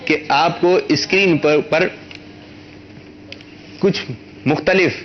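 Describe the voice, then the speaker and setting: A man hosting a children's quiz in a studio, coaxing the kids patiently and stretching words out slowly when he teaches. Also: a little high, highs cut off. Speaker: quiz show host for children.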